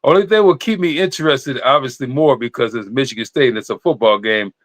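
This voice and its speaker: A man co-hosting a sports podcast in casual chat, halting and often repeating his words as he goes. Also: medium pitch, a bit bright, no echo. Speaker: sports podcast co-host and former player.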